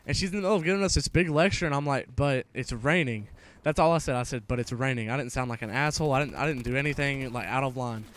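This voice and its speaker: With few pauses, a young man in his late teens races through a casual, profane school story while playing a game, rambling and restarting along the way. His voice is medium-pitched and a bit bright.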